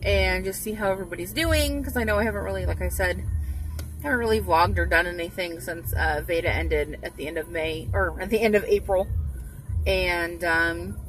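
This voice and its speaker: A woman's voice: fairly low pitch, moderate pace, fairly bright tone, recorded from a distance, slight background noise, rough recording. A woman in her thirties rambling casually to her phone camera from a parked car, with lots of ums and restarts. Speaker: vlogger. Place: parked car, windows closed. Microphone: phone held at arm's length. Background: faint radio music.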